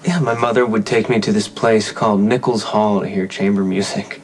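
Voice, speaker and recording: An actor playing a reassuring young man on the run, speaking in a soothing, steady way, in a soap opera scene. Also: lowish voice, moderate pace, a little hiss or hum, close to an everyday voice. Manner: soothing, steady, gently teasing. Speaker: fugitive hiding under a false name. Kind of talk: daytime soap opera acting. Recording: soap scene with music bed.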